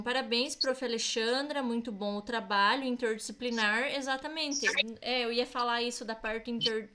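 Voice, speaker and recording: Woman hosting a teachers' video meeting, slightly high and friendly, reads out comments. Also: fairly bright tone. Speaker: meeting moderator. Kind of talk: reading comments in an online meeting.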